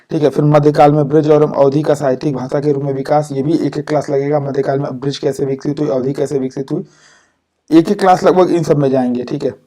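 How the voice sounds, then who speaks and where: Male lecturer, mellow dark tone, level delivery, checks in with "okay" after each point. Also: on the high side. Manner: repeats "ठीक है" after points, with fillers and restarts. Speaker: teacher. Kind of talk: exam-prep lecture.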